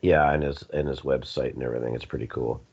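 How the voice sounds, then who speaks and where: A middle-aged man co-hosting a sports radio chat, hoarse from being sick, rambling and joking. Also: a bass voice, fairly even intonation, fast, darkish tone. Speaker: co-host. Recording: muffled lo-fi audio.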